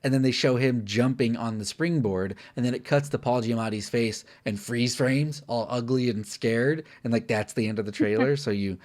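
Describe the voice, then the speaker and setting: A man's voice: mid-range voice, normal speed, hardly any pauses, a little mellow. A man co-hosting a casual film review, talking candidly with lots of fillers and restarts.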